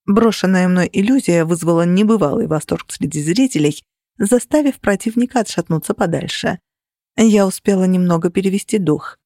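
A woman reading a first-person fantasy novel aloud with steady, lively storytelling. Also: lowish voice, normal speed, dry recording, studio quality. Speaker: audiobook narrator. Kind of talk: scripted first-person narration.

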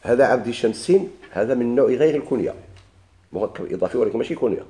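A man's voice: mid-range voice, lively intonation, rapid-fire, warm tone. A man with a Moroccan Arabic accent teaching a classical grammar lesson. He quotes verses, then explains them step by step and puts questions to his students.

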